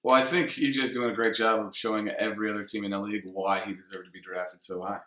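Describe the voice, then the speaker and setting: Low bright-voiced man in an echoey room. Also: quick pace. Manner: laid-back, relaxed talk with fillers. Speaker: co-host. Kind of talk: casual sports radio chat. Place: home.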